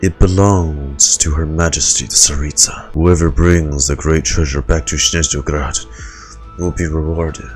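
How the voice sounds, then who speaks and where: A man voicing a cold, scheming male officer villain, speaking in a measured, menacing way with a very low voice. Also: steady tone, soft background music. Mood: smug.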